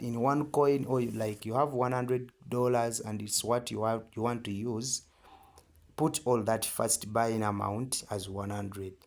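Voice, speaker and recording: A man with a Ugandan accent, medium-pitched and darkish in tone, tutors viewers on trading through an informal step-by-step lesson. He's emphatic and repetitive, often checking in with short questions.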